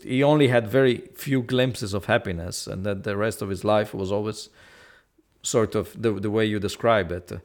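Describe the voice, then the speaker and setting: A man interviewing in a conversational way, thinking aloud and rephrasing as he goes. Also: fairly low pitch.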